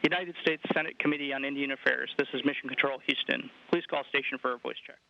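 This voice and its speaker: A man calling as a mission control communicator over a radio loop, with fast, clipped radio procedure. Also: mid-range voice, fairly even intonation, gravelly. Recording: muffled lo-fi radio link, distant.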